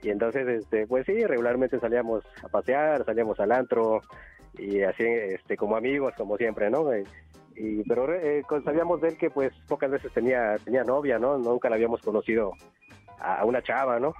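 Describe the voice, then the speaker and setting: A man with a Mexican accent calls in to a radio show, his medium-pitched voice coming through a dull, muffled telephone line with soft background music behind it. Speaking fairly quickly in casual phone chat, he rambles through some gossip and chuckles often.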